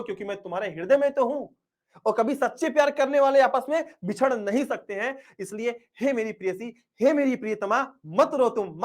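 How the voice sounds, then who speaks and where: A man acting out a young lover who tenderly begs his beloved not to cry at their parting. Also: very high voice. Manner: tender, pleading, earnest.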